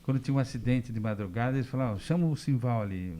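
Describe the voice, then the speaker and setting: An older man with a Brazilian accent rattles off his memories at a brisk clip. His voice is mellow and dark, and he slips into the voices of the people in his stories as he goes. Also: medium pitch. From Catanduva, São Paulo state, Brazil. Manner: lively anecdotes, acts out quoted dialogue. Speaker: interview guest, physician. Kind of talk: casual storytelling.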